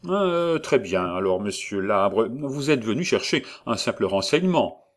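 A man's voice: lowish voice, very animated, measured pace. A man voicing a pompous, fussy middle-aged notary who speaks sententiously and hesitates with many "euh"s.

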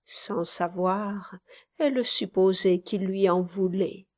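Woman reading a story aloud really slow, soft, sometimes nearly whispering. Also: mid-range voice, fairly even intonation. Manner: slow, measured, at times hushed to a whisper. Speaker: narrator. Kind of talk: literary audiobook narration.

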